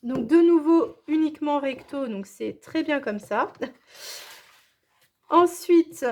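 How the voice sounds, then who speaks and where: A high-voiced woman talks through her unboxing in a relaxed, chatty way. She gushes with enthusiasm and keeps coming back to the same words of praise. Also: slow pace. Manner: enthusiastic, gushing, repeats praise. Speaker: scrapbooking vlogger. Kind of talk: casual unboxing chat.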